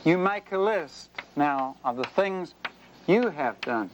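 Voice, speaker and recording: A man's voice: a little high, animated, takes it slowly, heavy background noise. A man preaching a sermon in an earnest, conversational way, now and then speeding up playfully.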